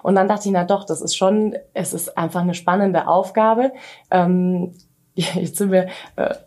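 A woman's voice: on the low side, fairly even intonation, unhurried, darkish tone. A woman in her thirties, a mayoral candidate, answering an interviewer's questions with many fillers and restarts.

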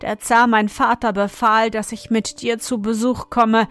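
A worried young prince from a fairy tale complains plaintively and slowly, as a woman reads him out. The voice sits fairly high, with faint music behind. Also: flat delivery, a bit bright. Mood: downcast.

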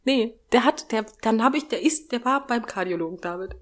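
A woman chatting casually, spinning a story with plenty of laughter. She slips into voices to act out what the other person said, and her retelling is quick and colloquial. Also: a little high, animated. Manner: laughs often, acts out the other person's replies. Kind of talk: casual chat, telling an anecdote.

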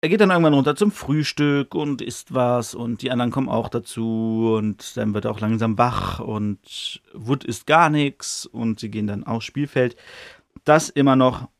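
A man's voice: mid-range voice, normal speed, creaky, no echo, clean studio sound. A man hosting a podcast, casually retelling a book chapter in a loose, slangy way with plenty of fillers. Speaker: podcast host.

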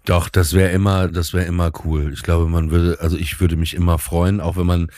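A young man co-hosting a relaxed bedtime chat, his voice low and recorded close and dry. He rambles, restarts his sentences and hunts for words. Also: a little fast, dry recording. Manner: rambling, hesitant, many ums and restarts. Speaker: podcast co-host.

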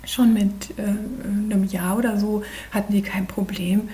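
A woman in her forties from Germany, a podcast guest, talking thoughtfully with many pauses and fillers. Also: medium pitch, level tone, dark tone. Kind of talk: conversational podcast interview.

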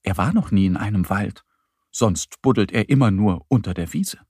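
A man narrating a children's audio story in a lively, expressive way, with a husky voice. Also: on the low side, normal speed, no room sound, studio quality.

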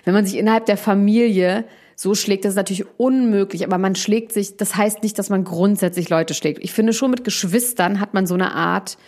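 A young woman hosting a podcast, casually retelling a story with lively, slang-heavy chat and casual swearing. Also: medium pitch, a little fast, hardly any pauses. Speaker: podcast host.

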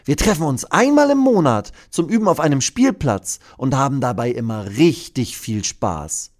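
A man voicing a bold, cheerful young girl who leads chants, shrill and shouting like a cheerleader. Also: expressive, normal speed, lightly acted. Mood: eager.

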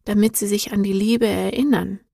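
A woman's voice: mid-range voice, fairly even intonation, normal speed, vocal fry, warm tone, breathy edge, no echo, clean studio sound. A woman voicing a thoughtful young girl in a storybook, speaking in an earnest, searching, heartfelt way. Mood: earnest, wistful.

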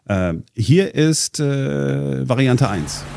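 A man's voice: medium pitch, lively intonation, extremely slow, creaky, darkish tone, a little hiss or hum. A man presenting on a talk show in casual chat, explaining at length with many hesitations and restarts. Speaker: radio presenter.

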